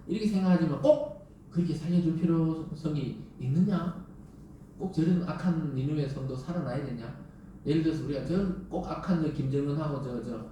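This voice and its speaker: A man preaches a sermon, his mellow, fairly high voice rising and falling in lively swings. He keeps asking the congregation rhetorical questions and acting out quoted lines. The recording is distant and heavily echoey, caught from across a reverberant church hall. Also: a little hiss or hum. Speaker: pastor. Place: church sanctuary.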